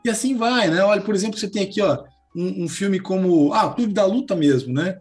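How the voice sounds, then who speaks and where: A Brazilian man debating films in a casual podcast chat, taking the contrarian side with easy, meandering talk. His voice sits a little high for a man, and soft music runs faintly underneath. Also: brisk. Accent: Brazilian Portuguese. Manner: argumentative, playful contrarian.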